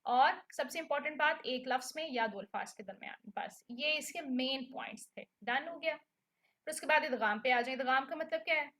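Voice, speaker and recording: A woman's voice: sits high, moderate pace, fairly bright tone, slight background noise. A woman teaching a recitation lesson, explaining patiently and often checking in with her students. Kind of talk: online lesson.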